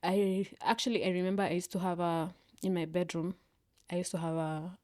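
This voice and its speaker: A young woman talks as a podcast guest, earnest and reflective, often pausing on "like." Her voice is somewhat low and mellow, recorded close and dry. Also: fairly even intonation, no room sound. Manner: reflective, earnest, many fillers like "like". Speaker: interview guest. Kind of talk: candid personal conversation.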